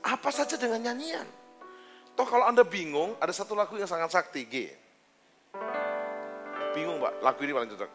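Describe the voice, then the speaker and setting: A fairly high-voiced man preaching on a handheld mic. He teases and jokes with his congregation between points, and soft music plays faintly behind him. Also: big pitch swings, brisk, pauses often. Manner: joking, teasing, talks casually with listeners. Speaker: pastor. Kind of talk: lively sermon with congregation banter. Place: church service hall.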